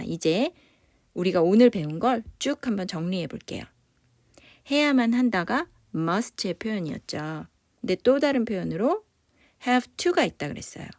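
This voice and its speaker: A woman teaching English grammar in Korean, patiently explaining and saying English phrases slowly for learners to repeat, with encouraging praise. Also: medium pitch, no room sound, studio quality. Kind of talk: online English lesson.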